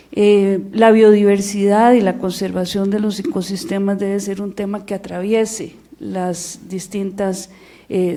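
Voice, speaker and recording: A Costa Rican woman speaks as a panelist in a warm, mellow tone at an ordinary pitch. She is measured and unhurried, and she pauses often on small filler sounds as she builds each point. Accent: Costa Rican Spanish. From Costa Rica. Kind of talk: panel discussion remarks.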